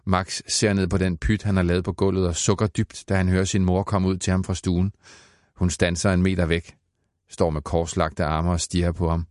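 A man narrating a children's audiobook in a playful, expressive way. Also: sits low, dry recording, studio quality.

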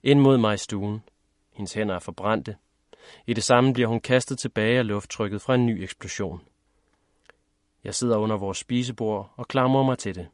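A man narrating a first-person story in a measured, steady reading. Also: on the low side, no echo, studio quality. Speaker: audiobook narrator.

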